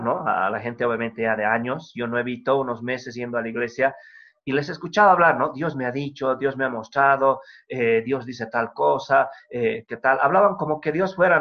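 Earnest preacher on a video call. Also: male voice, medium pitch. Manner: earnest, conversational, frequent tag questions. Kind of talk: sermon over video call. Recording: dull lo-fi video call audio.

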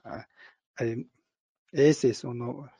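Slow, mellow man with a foreign Spanish accent. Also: mid-range voice, fairly even intonation, vocal fry, slightly rough, dry recording. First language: not a native Spanish speaker. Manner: halting, broken grammar, often tags phrases with a questioning "no?". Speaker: Buddhist meditation teacher. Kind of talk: guided meditation and teaching.

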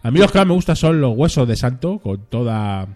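A man's voice: medium pitch, big pitch swings, fairly quick, darkish tone. A man hosting a casual live stream, reading chat messages aloud and rambling in a chatty way with frequent questioning tags. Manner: rambling, chatty, ends phrases with a questioning tag.

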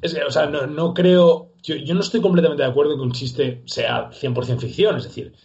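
A man's voice: fairly high pitch, steady tone, normal speed, darkish tone, highs cut off. A man speaking as a guest in a casual discussion, emphatic and argumentative. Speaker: podcast guest.

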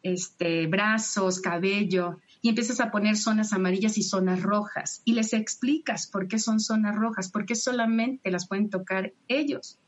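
A woman, a podcast guest explaining sex education in an animated way and laughing often. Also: mid-range voice, normal speed, hardly any pauses. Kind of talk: podcast conversation. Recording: dull lo-fi sound.

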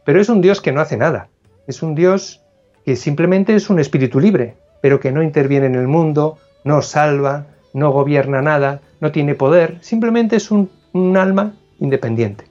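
A man speaking as a guest scholar in an interview, in a slightly high voice, thinking aloud and often restarting his sentences. The sound is dull and lo-fi, with faint music underneath. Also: moderate pace, a little mellow. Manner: thoughtful, with many restarts and self-corrections. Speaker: guest, philosophy scholar and Sanskrit translator. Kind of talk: explanatory interview talk.

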